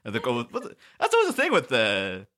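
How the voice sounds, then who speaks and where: A man's voice: medium pitch, fast talker. A man hosting a casual film-discussion podcast, rambling and laughing as he talks. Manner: animated, rambling, laughs while talking. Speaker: podcast host.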